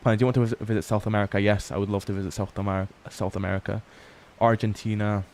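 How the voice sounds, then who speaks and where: A man's voice: fairly low pitch, flat delivery, fast talker, a little mellow. A tired young man casually chatting on a livestream, reading chat aloud and swearing often. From Scotland. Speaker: livestream host. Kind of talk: casual late-night stream chat.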